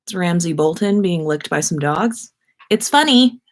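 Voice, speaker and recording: A woman's voice: fairly low pitch, measured pace. Chatty woman hosting a livestream. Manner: chatty and excitable, with restarts. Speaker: podcast host. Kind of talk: casual livestream chat. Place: her bedroom.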